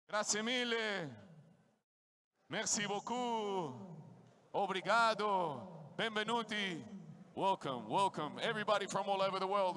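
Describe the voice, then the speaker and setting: Man, ring announcer, high voice, bright and forceful, stadium crowd-working host. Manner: booming, crowd-working, greets audiences in many languages. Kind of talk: live fight-night announcing. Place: boxing stadium.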